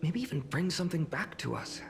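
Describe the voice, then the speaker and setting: A young game hero from a village, boyish and playful. The voice sits fairly low and leaps about with great animation, over clear background music. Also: female voice, very animated, fairly quick, full character voice. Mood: wry, dismissive. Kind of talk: game voice acting.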